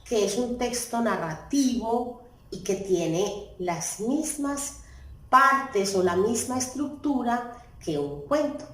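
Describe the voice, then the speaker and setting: A woman teaching a lesson, explaining slowly and stressing key words. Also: roomy sound, poor audio. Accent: Colombian Spanish. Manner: deliberate, stressing key words with pitch jumps. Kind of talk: slow classroom explanation.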